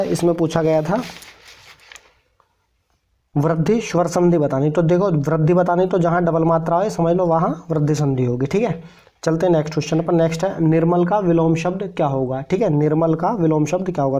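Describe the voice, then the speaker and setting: A man's voice: a little high, mellow. A man teaching Hindi grammar for exam prep. He explains patiently, repeats each point, checks in often and drags vowel sounds out to demonstrate them. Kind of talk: classroom-style explanation.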